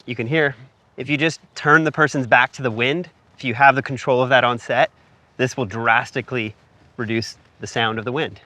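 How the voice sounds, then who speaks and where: Bright-voiced Canadian man hosting a tutorial. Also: medium pitch, fairly even intonation, moderate pace. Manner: upbeat, jokey, asks questions. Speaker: filmmaking tutorial host. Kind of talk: casual instructional chat. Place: outdoors in cold wind, then indoors. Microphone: lavalier hidden in shirt.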